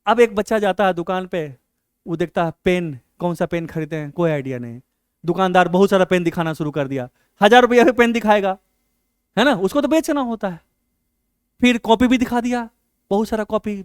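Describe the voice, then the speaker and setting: A man's voice: high-pitched, a little fast, smooth, no room sound, studio quality. A male teacher, giving casual study advice and often checking in with his listeners as he talks. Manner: chatty, repeats "है ना" often.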